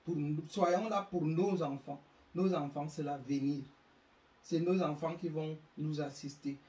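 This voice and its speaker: A woman's voice: deep voice, fairly even intonation, measured pace, warm tone. A woman from Africa lectures on parenting, emphatic and scolding, often stumbling over repeated words. Her voice rings in an echoey room. She stands at some distance from the mic. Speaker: speaker giving parenting advice. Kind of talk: impassioned monologue to an audience. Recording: roomy sound, mic far off.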